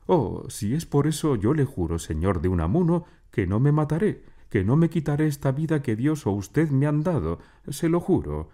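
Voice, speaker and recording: A young male character in a storybook reading, standing up to the author who made him, his voice pushed high and strained. A man acts him out, lifting well above his own deep, dark register. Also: sing-song, normal speed, hardly any pauses, close to an everyday voice. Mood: pleading. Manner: pleading, defiant, ironic. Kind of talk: audiobook reading.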